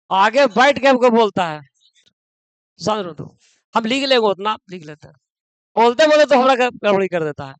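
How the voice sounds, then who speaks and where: A man's voice: high-pitched, fairly bright tone, no room sound, poor audio. A man teaching grammar in a classroom lecture, now and then scolding students in local dialect.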